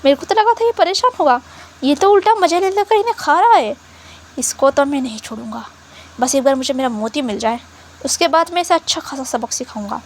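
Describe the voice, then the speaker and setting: Storybook read-aloud: a woman doing a whiny young male sea creature, high voice, fretful muttering. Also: animated, a little fast. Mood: annoyed.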